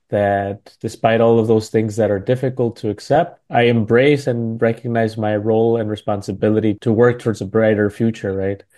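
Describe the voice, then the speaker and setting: A man's voice: on the low side, mellow. A man in his thirties from Milwaukee giving a conversational talk as a guest speaker, often adding "right?" and "you know" to his phrases. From Milwaukee, United States. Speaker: guest speaker, community organizer. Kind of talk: prepared talk at a panel event.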